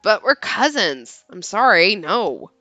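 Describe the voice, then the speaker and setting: A woman puts on an exasperated high-school boy from a game. The voice drops well below her usual pitch, turning flat, blunt and dismissive, in a dry close sound. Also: slow pace, no echo, faint music behind, full character voice. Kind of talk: character reading of game text.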